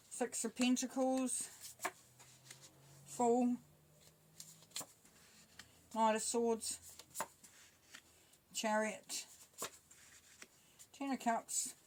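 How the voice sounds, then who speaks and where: A woman giving a casual spoken tarot reading, relaxed and chatty, thinking aloud as she goes. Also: fairly high pitch, a little hiss or hum, low-quality recording. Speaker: tarot reader.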